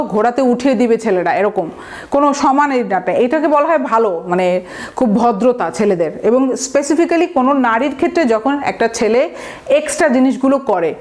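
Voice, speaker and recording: Woman vocab tutor, voice a bit on the high side; patient step-by-step explainer who checks in with the class. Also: a little mellow. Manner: explains words step by step, mixing in English terms; often checks understanding with tag questions. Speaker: vocabulary teacher. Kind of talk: recorded online lesson.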